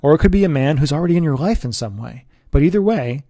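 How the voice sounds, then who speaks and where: A man, a relationship coach, giving an earnest, persuasive sales pitch straight to the listener. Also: expressive, quick pace, dark tone, dry recording, studio quality.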